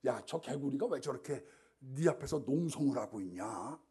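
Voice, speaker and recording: A man's voice: mid-range voice, lively intonation, moderate pace, warm tone, breathy edge. A man voicing a stern, fatherly old king who scolds his daughter in a storybook tale. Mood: scolding.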